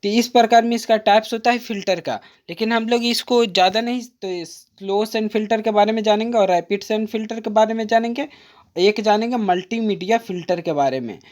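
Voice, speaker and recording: A woman tutoring diploma students for exams, explaining a diagram patiently and repeating key terms. She reads textbook definitions aloud slowly and calls the viewers "friend". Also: mid-range voice, darkish tone. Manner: patient, repetitive, addresses viewers as friend, mixes in English terms. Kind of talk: exam-prep lecture, explaining a diagram.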